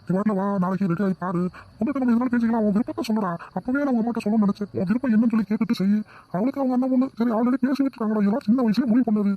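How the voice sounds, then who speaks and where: Henpecked cartoon dad, fast and highish, voiced by a man. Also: narrow, tinny audio, slight background noise. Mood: placating. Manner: placating and mild. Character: meek middle-aged father, henpecked.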